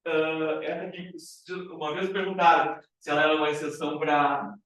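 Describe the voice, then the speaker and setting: A man with a Brazilian Portuguese accent teaching a classroom grammar lesson, lively and often checking in with rhetorical questions. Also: fairly high pitch, moderate pace. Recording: very echoey room from far off.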